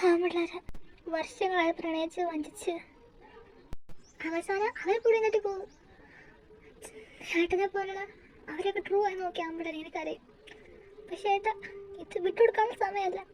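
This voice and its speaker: A woman's voice: very high voice, slight background noise. Woman doing a bossy, teasing little sister. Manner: teasing, coaxing. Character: bossy, cheerful teenage younger sister. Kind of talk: amateur audio drama.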